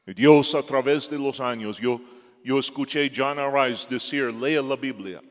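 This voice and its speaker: Preacher: a man giving an emphatic sermon, slow and fairly high, with a long church echo. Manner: emphatic, swings from loud to soft. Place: church hall.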